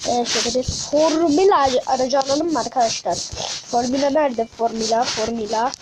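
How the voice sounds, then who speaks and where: High-voiced excitable gameplay commentator. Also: female voice, background noise. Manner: chatty and excitable, with frequent exclamations and slangy outbursts; speaks directly to viewers as friends. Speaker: gaming channel host. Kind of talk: casual mobile gameplay commentary.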